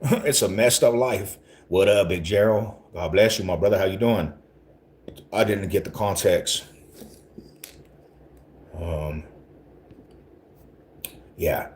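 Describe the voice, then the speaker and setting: A Denver, Colorado man in his forties hosts a casual livestream in a very low, slightly mellow voice, talking slowly with long pauses. He greets viewers as he rambles loosely in street slang, circling back to repeat his points.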